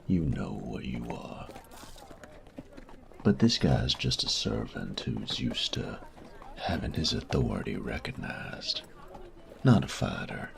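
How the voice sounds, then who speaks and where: In a roleplay audio drama, a man voices a cocky, sadistic bandit with an extremely low, gravelly voice that often sinks to a breathy whisper. Fully in character, he's smug and teasing, drawling slowly and savoring taunting pauses over background noise.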